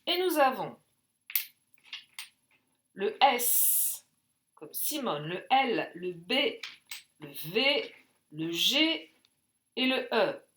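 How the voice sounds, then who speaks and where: A woman's voice: on the high side, sing-song, very slow, pauses often, a bit bright. A woman doing a casual card reading, chatty and jokey, thinking aloud with many fillers. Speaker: tarot and oracle card reader.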